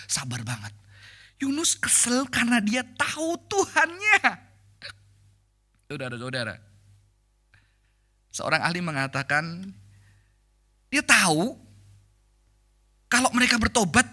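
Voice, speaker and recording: A middle-aged man preaching a sermon at a church prayer service, talking in a lively, conversational way and dropping in English phrases. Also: high-pitched.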